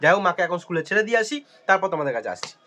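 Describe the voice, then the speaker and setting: A young man chatting excitedly to viewers in a casual daily vlog. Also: high-pitched, very fast. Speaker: vlogger. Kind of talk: casual vlog chat to camera.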